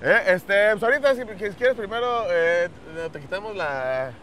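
A Mexican man co-hosting outdoors at a beach, teasing his friend in excitable, slang-heavy casual chat. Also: high-pitched, normal speed, a little hiss or hum. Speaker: co-host.

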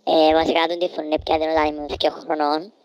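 A man with a Cypriot Greek accent putting on an odd high-pitched voice in jokey, mock-serious gaming chat. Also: little pitch movement, clean tone, no room sound, lo-fi sound, lightly acted. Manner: joking, mock-serious teasing. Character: young man's odd high squeaky voice.

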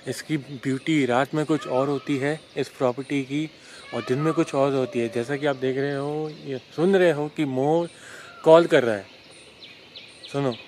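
A man's voice: mid-range voice, steady tone, unhurried, darkish tone, a little hiss or hum. A young man in a casual walking vlog, chatting to the camera on a phone held at arm's length, joking and correcting himself as he tours a wooded resort. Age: young adult. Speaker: travel vlogger. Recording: faint outdoor ambience with birds.

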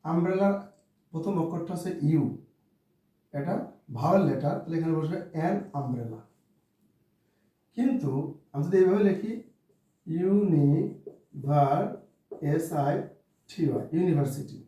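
A man's voice: on the high side, a little slow, pauses often, warm tone. A man teaching a beginners' English lesson, spelling words out letter by letter and posing questions that he answers himself. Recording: distant mic in a very echoey room.

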